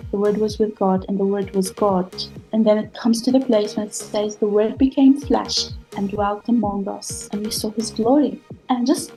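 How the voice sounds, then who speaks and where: A woman's voice: mid-range voice, dark tone, low-quality recording. A woman whose first language is Arabic, raised in the Gulf of Palestinian family, telling her faith story as a podcast guest in an earnest, reflective way with some hesitations. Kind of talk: personal testimony interview.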